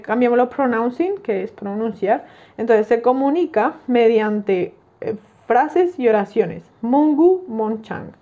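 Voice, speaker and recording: Young woman, chatty study talk, fairly high voice, mellow tone, dull lo-fi sound. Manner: chatty, checks in with listeners often. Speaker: language-learning vlogger. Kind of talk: casual study explanation.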